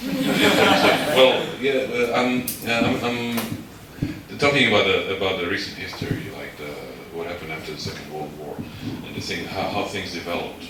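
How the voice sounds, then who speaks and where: A man's voice: deep voice, normal speed. A man from Slovakia, giving a university lecture and explaining step by step while checking in with his listeners. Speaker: guest lecturer. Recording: echoey hall, distant mic, background noise.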